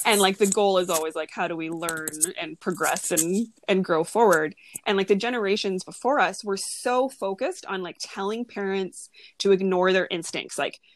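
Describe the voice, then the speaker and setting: A woman's voice: medium pitch, moderate pace, hardly any pauses, a little hiss or hum. A woman in her thirties talking earnestly and reflectively in a casual conversation, with lots of fillers.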